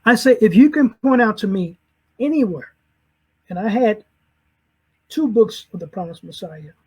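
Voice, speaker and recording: A man's voice: high voice, expressive, moderate pace, mellow, breathy edge, poor audio. A middle-aged man from St. Louis, Missouri gives a personal conversion testimony. He is earnest and acts out whole conversations in quoted dialogue. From St. Louis, Missouri, USA. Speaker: convert telling his story.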